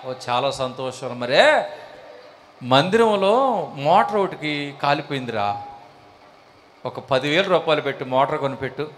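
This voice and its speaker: A man's voice: mid-range voice, normal speed, pauses often, a little hiss or hum, voice pushed down, natural voice. A man playing a greedy male preacher who scolds his followers with scornful, bossy questions about money. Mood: scolding.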